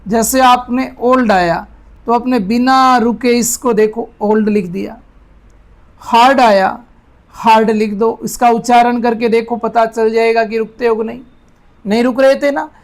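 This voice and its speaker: Guy teaching grammar, slow dictation, keeps asking if the class gets it. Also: extremely high pitch, fairly even intonation. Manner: patient, repeats and dictates slowly, checks if students follow. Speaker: English teacher. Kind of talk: Hindi-medium grammar lesson.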